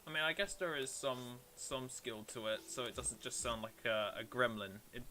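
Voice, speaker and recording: A man's voice: medium pitch, moderate pace, pushed and bright, faint music behind. A British man streaming a game, chatting casually with viewers in a rambling, self-deprecating way. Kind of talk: casual live-stream chat, answering viewers.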